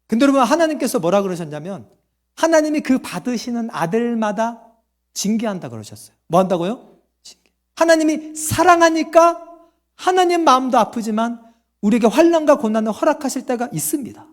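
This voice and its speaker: High-voiced, lively male pastor preaching. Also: a little fast. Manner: asks the congregation questions and answers them himself; acts out quoted voices. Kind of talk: sermon.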